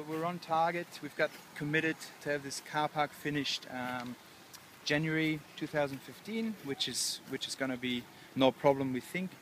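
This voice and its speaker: A man in his thirties with an Australian accent, a council project manager giving a relaxed walkthrough outdoors with many ums and restarts. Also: medium pitch, background noise. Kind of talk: casual on-site walkthrough. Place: outdoors at a construction site. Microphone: lapel mic.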